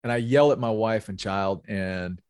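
A man's voice: lowish voice, moderate pace, darkish tone, clear, resonant tone, dry recording, clean studio sound. A man in his forties, a sales executive, earnestly telling a personal story as a podcast guest and often repeating his words.

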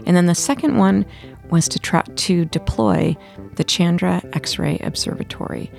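A woman's voice: fairly low pitch, measured pace, creaky, darkish tone, soft background music. A middle-aged woman from Massachusetts, a retired astronaut, telling her story in an enthusiastic, casual way.

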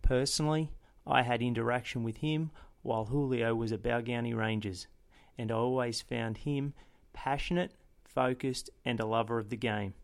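A man hosts a football podcast in a measured, formal way. His voice sits at an ordinary middle pitch for a man, neither deep nor high. He reads a scripted intro and then moves into a conversational interview. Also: steady tone, gravelly.

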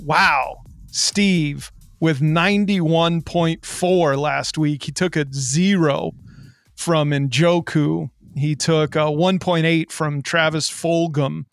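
Brash man hosting a sports podcast, higher-pitched voice. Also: steady tone, takes it slowly, vocal fry, no room sound. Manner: brash, boastful showman patter. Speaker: podcast host. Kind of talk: lively fantasy sports podcast banter.

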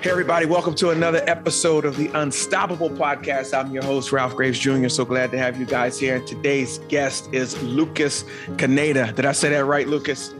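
A man's voice: mid-range voice, little pitch movement, a little fast, over music. Upbeat male podcast host. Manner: upbeat, repeats phrases. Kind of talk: podcast hosting.

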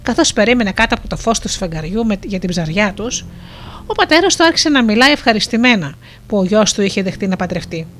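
Calm woman reading a fairy tale. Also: mid-range voice, a little hiss or hum. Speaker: storyteller. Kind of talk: storybook narration.

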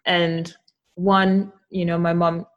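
A young adult woman hosts a podcast in a casual conversational interview, speaking slowly with a lowish voice and flat delivery over dull audio. She comes across as reflective and thoughtful, and she laughs easily.

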